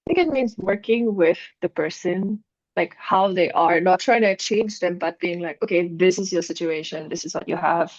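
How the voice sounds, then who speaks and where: A woman's voice: fairly low pitch, moderate pace, no room sound. Thoughtful woman student, dull dry sound. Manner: thoughtful, explaining. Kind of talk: answering in class.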